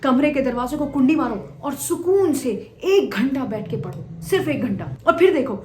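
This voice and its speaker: A woman's voice: sits high, lively intonation, normal speed, echoey room, slight background noise. A young woman teacher giving exam tips to students, repeating phrases for emphasis and acting out a story between two students. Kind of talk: motivational talk to students with a told story.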